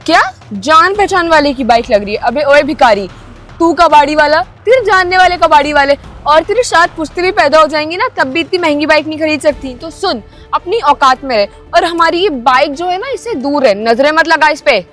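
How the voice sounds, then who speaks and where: Scornful high-voiced young woman. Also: animated, normal speed, faint music behind. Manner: scornful, insulting, shouting. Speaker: arrogant rich girl in a short film. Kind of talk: scripted dramatic acting.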